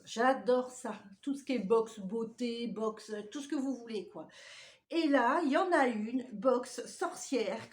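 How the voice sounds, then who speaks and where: A woman with a slightly high voice talks casually at home, chatty and prone to rambling off on tangents. A faint hiss sits behind her in the recording. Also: darkish tone. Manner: chatty, digressive, laughs often. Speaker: vlogger. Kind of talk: casual unboxing chat. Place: home indoors.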